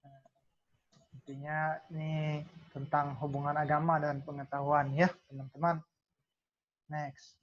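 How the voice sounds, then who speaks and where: A woman's voice: sits low, flat delivery, a little slow, long pauses. A woman tutor teaching an online class, filling her talk with "nah" and asking and answering her own questions. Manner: calls herself Kakak, many "nah" fillers, asks and answers own questions. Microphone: video call. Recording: lo-fi video call audio.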